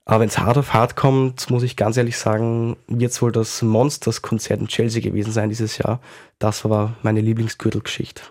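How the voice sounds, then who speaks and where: A man co-hosting a radio city magazine, speaking in an even, measured way. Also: fairly low pitch. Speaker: radio magazine co-host and reporter. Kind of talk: radio hosting, partly scripted.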